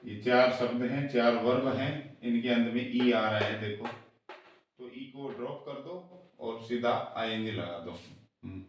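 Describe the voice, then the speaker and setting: Guy teaching english rules in hindi, talks real slow, heavy echo, mic kinda far off. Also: medium pitch. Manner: spells out letters and sounds slowly, repeating rules in both languages. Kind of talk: slow explanatory lesson, mixing Hindi and English. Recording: very echoey room, voice far from the mic.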